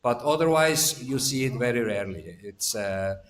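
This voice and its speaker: A man answering audience questions as ambassador on a panel, speaking haltingly with many restarts and fillers. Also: mid-range voice, animated. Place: conference hall.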